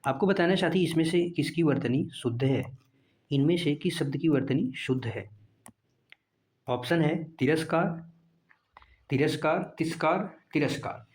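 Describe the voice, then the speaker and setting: A male teacher with a fairly high voice talks at a moderate pace, leaving long pauses. In this exam prep lesson, he works through practice questions one at a time, posing and answering them himself and repeating each answer.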